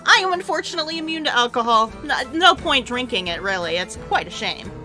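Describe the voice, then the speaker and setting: Tabletop heroine played by a woman: cheerful, chatty, glib, very lively high voice. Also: quick pace, music in the background, natural voice. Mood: apologetic, breezy. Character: chatty, breezy, sociable fire-wielding adventurer woman.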